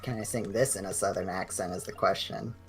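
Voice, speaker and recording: A young man with a low-pitched voice talks briskly among friends on a game night stream. He spins rambling, animated stories with plenty of restarts, while soft music plays in the background.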